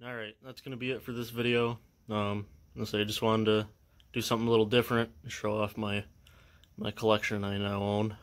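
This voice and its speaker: Brisk but flat, a young man with a lowish voice walks through his radio collection on camera. His casual show-and-tell comes out hesitant and uncertain, full of fillers and phrases that trail off.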